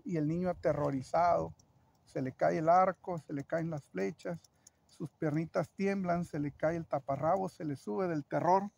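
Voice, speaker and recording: A man's voice: on the high side, creaky, a little mellow. A man telling a local legend aloud in a playful, dramatic way with joking asides. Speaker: storyteller.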